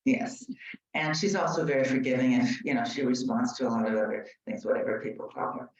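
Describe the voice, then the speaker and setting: Low-voiced woman at a community meeting. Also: fairly quick. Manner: chatty, informative, with many fillers. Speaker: community group member. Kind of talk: informal meeting remarks. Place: meeting room. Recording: roomy, distant, dull room mic.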